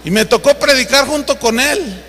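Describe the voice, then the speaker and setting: The pastor's voice sits extremely high, moving at normal speed with a sharp tone as he preaches emphatically and acts out stories. Recorded in a reverberant hall, the clip carries slight background noise.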